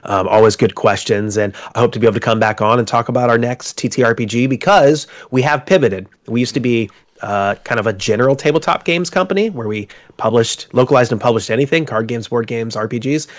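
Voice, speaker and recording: Over a call on his home mic, a tabletop game company owner chats as an interview guest while stuffed up with a cold, his speech sounding slightly sick. He talks briskly in a mid-range voice with few pauses, though he still leans on fillers and restarts a lot.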